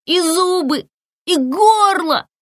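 A woman's voice: very high-pitched, animated, takes it slowly, fairly bright tone, no echo, clean studio sound, pitched above the performer's own voice, heavily acted. A woman voicing a scared, whiny little boy in a children's audiobook.

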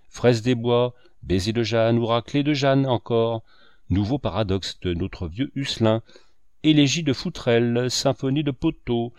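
A man's voice: mid-range voice, a little mellow, dry recording, studio quality, natural voice. A man voicing a self-satisfied male painter who talks in enthusiastic lists. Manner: enthusiastic, listing.

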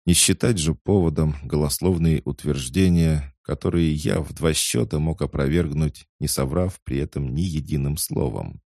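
A man reading a first-person audiobook in a measured, dry and wry manner. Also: very deep voice, a little mellow, no room sound. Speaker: audiobook narrator.

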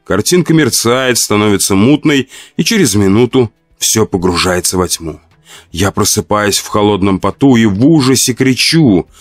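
A man reading a first-person horror story aloud, expressive and dramatic. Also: lowish voice, no room sound. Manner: expressive, acts out shouts and laments. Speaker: audiobook narrator.

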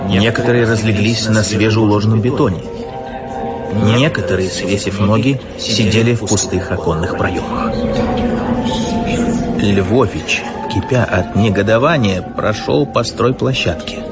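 A man reading a story aloud as an audiobook narrator, in an even storytelling manner. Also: on the low side, unhurried, lo-fi sound, loud music behind the voice. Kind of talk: scripted narration.

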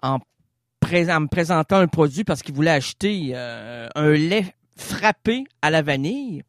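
Québécois man, stammering comic radio host, rambling monologue, lively pitch, dry close mic. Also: unhurried, no echo. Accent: Québécois French. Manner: absurd, stammering, self-interrupting. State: short on sleep.

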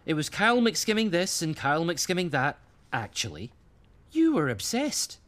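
A man's voice: fairly high pitch, sing-song, moderate pace, fairly bright tone. An actor with a Scottish accent playing a defensive, dry-humoured young man. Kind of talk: sitcom acting.

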